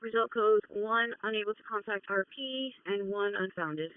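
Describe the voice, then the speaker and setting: A woman working as an emergency dispatcher, speaking in clipped, brisk radio codes over a police radio transmission. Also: mid-range voice, smooth, no room sound, narrow, tinny audio. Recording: distant, hissy scanner radio.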